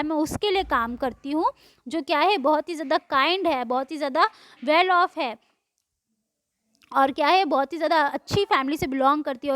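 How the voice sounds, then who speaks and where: In a high, slightly bright voice with no room sound, a woman teacher takes a poem line by line. She reads each English line slowly, explains it in Hindi, and asks herself questions that she then answers.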